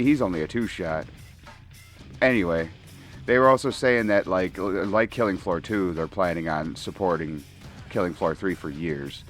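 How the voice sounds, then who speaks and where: A lower-pitched man talks loosely while he plays, his thoughts wandering and laced with swearing and frequent laughter. He speaks into a desk microphone at home. Faint game music runs quietly under his voice. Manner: rambling, profane, laughs often. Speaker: gaming commentator. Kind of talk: casual rambling commentary while playing.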